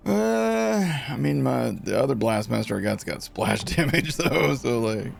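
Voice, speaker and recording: Male streamer, gravelly voice, lively pitch, joking with chat, faint music behind. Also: unhurried. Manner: playful, jokey, reads chat aloud. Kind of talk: casual gameplay commentary.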